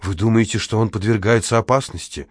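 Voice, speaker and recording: A man's voice: lowish voice, steady tone, fairly quick, no room sound, clean studio sound, lightly acted. Male narrator as a nervous, pleading older fortune-teller woman. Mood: anxious.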